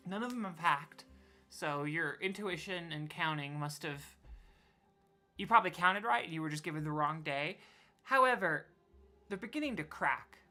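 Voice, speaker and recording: A woman's voice: low voice, lively intonation, normal speed, bright, forceful tone, faint music behind. A woman running a tabletop role-playing game as game master, talking casually with lots of fillers. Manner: casual, rambling, many fillers.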